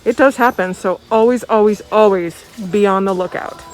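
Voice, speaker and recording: A woman's voice: medium pitch, normal speed, darkish tone. An American woman chatting casually as a vlogger, her voice muffled by the face mask over her mouth. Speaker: vlogger, doll dealer. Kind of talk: casual chatty vlog narration. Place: inside a thrift store. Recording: muffled voice, faint background noise.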